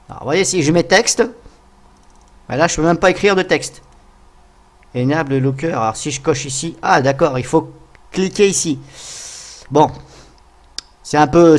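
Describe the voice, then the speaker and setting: A man with a slightly high voice talks viewers through a piece of software in a relaxed, unscripted way. He thinks aloud, stops to puzzle over things and fills his pauses with hesitant "euh"s. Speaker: tutorial host. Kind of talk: casual software tutorial narration.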